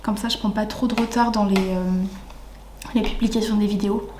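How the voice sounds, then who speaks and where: A woman's voice: mid-range voice, fairly even intonation, brisk. Chatty young woman in an echoey room. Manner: chatty, enthusiastic, often dips into soft breathy asides. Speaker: book vlogger. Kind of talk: casual chat. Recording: echoey room with faint ambient noise.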